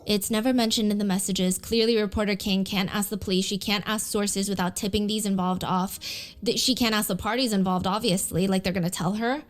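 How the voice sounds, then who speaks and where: A woman's voice: medium pitch, steady tone, a little fast. A woman telling a true story in a conversational way, reading out text messages and quotes along the way. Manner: conversational, reads out texts and quotes. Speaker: documentary narrator. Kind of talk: storytelling video narration. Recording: narration played with background music.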